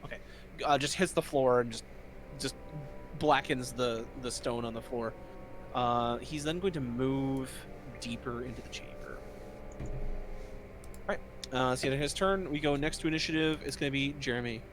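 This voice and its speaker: A male game master describes a tabletop fantasy game in an informal, conversational way. His pitch is middling, and music plays clearly behind him. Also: moderate pace, pauses often, a bit bright. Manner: informal, with spoken sound effects. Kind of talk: narrating a tabletop role-playing game.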